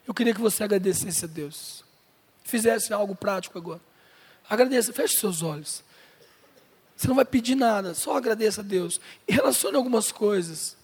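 High-voiced husky pastor in a reverberant hall. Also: male voice, lively intonation, moderate pace. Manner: playful, jokes with and addresses the congregation. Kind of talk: sermon. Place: church service.

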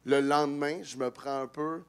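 A man's voice: medium pitch, fairly even intonation, moderate pace, a little hiss or hum. A man guest on a live podcast, joking and teasing the others with casual swearing. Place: live show in a cabaret venue.

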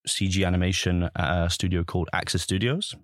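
A man in his thirties speaks with a Highland Scottish accent in a low voice. He tells his story conversationally, with wry, playful turns of phrase, in a very dry recording. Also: steady tone, brisk, dry recording. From Highlands of Scotland. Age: 30s. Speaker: producer at an animation studio, guest.

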